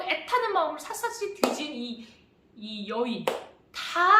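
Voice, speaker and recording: A woman's voice: sits high, pushed and bright. A woman preaching to children in a church, telling the story expressively and asking them questions. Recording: echoey church hall.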